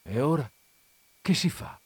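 A man voicing a rough, blunt peasant who calls out heartily in a story reading. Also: a little high, sing-song, unhurried, no room sound, heavily acted. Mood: plain. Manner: hearty, shouting to the innkeeper.

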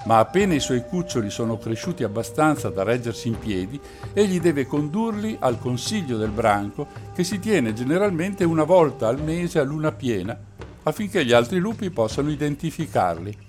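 A man narrating a novel aloud in a steady, measured storytelling voice, with faint music behind. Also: mid-range voice.

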